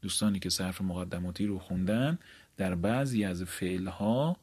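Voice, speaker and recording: A man's voice: sits low, a little mellow, slightly rough. A man teaching an Arabic grammar lesson. He reads from a textbook and explains each step, often asking a question and then answering it himself. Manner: step-by-step, asks and answers his own questions; reads textbook lines, then explains them in his own words.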